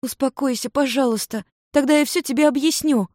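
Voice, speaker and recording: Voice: high voice, fairly quick, a little mellow, no echo, studio quality, voice pushed up, close to an everyday voice. A reader voicing an anxious young woman who keeps begging others to stop and listen. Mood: pleading. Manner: urgent, pleading.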